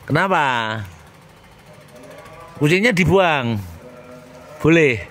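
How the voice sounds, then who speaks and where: A man, chatting gently with a young child and coaxing answers with questions. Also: on the high side, lively intonation, slow, a little hiss or hum. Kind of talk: casual chat with a child.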